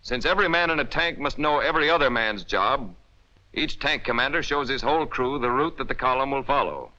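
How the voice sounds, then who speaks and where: This is brisk narration for a 1940s army training film, voiced by an American man whose medium-pitched delivery is very bright and forceful. His clipped, emphatic directives come through a muffled, band-limited vintage film soundtrack.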